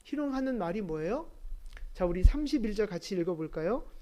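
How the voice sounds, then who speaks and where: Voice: mid-range voice, big pitch swings, brisk, mellow. Korean pastor preaching with rising insistence. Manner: explains scripture by asking questions and answering them; builds to emphatic, rising insistence. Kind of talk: sermon. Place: church service.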